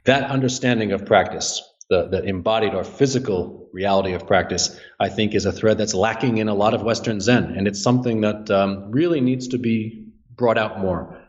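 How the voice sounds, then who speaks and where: A man who is an author and Zen teacher, answering interview questions in a measured, earnest way and often repeating words as he thinks. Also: on the low side, dull audio. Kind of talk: podcast interview.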